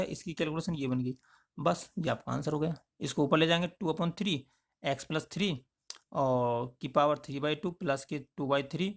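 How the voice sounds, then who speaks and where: A man with a slightly high voice teaching maths as a voice-over. He goes step by step, talking through each part and often stopping to check in with "okay". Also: creaky. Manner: explains in plain spoken steps, with frequent checks like "okay". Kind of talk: step-by-step lesson explanation.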